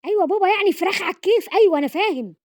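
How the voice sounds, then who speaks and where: A woman's voice: extremely high pitch, lively intonation, racing, darkish tone. A woman playing a cheeky, scheming schoolboy son with an Egyptian accent who rambles through excuses. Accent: Egyptian Arabic. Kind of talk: comedy sketch acting.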